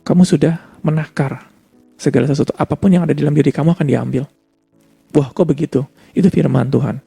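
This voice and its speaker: A man's voice: fairly high pitch, quick pace, vocal fry, mellow, husky, soft background music. A man preaching a conversational sermon with personal testimony, mixing in English words.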